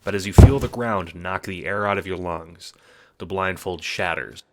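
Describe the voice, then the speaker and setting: With a deep voice at an ordinary speed, a man who narrates and produces spins a scripted second-person story in a dramatic way. Heavy background noise accompanies the music beneath him.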